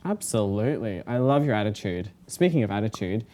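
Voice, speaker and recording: Mellow, low-voiced Australian male interviewer. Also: animated, brisk. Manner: complimentary, encouraging. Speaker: interviewer, show host. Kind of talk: casual interview. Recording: faint background noise and ambience.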